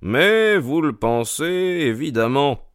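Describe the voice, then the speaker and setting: Man doing an eager, exacting detective for an audiobook: brighter and higher than the narrator, probing, crisp, dry sound. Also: no room sound. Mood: intrigued. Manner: quick, questioning, excited interjections. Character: keen, probing male detective, eager and precise. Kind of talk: audiobook character reading.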